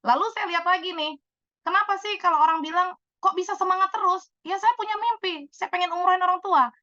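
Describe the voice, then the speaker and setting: A woman in her thirties, telling lively stories in a chatty, animated way as she answers questions on a talk show. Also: very high voice, fast talker, no echo, dull audio. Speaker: business speaker answering questions.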